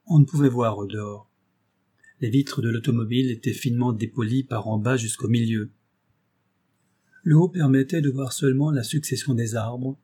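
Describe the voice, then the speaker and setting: A man narrating an adventure novel in a measured, expressive reading. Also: medium pitch, slightly rough. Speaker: audiobook narrator. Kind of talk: scripted narration.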